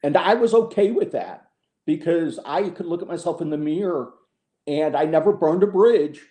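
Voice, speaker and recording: A man's voice: a little high, animated, normal speed, dark tone. Frank middle-aged man in an echoey room. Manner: frank and sarcastic, with many restarts. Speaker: podcast guest. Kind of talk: candid conversational interview.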